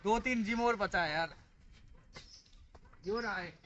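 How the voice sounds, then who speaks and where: Filming on a moving handheld phone, a young male vlogger from India tries out outdoor gym equipment in a park and talks playfully to his viewers in a casual vlog chat. He speaks slowly in a high, fairly bright voice, and the lo-fi audio carries a little hiss or hum.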